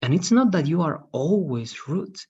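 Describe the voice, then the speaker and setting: A man's voice: on the high side, very animated, a little mellow, husky. A man, teaching an English grammar class online, patient and repeating "right?" after each point. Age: 30s. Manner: slow, patient, tags sentences with "right?". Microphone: video call webcam. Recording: dull lo-fi video call audio.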